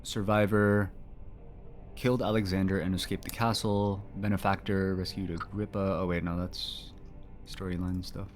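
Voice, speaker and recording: A man's voice: low-pitched, level tone, moderate pace. A man giving casual commentary as he plays a game, muttering to himself with playful asides. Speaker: gamer doing a playthrough. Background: game music.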